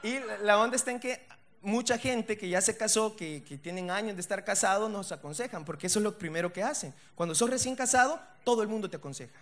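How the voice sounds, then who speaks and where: A young man with a Salvadoran accent performing a stand-up comedy set, slangy and punchy, tossing loud asides to the crowd. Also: sits high, fast. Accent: Salvadoran Spanish. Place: comedy stage before a live audience.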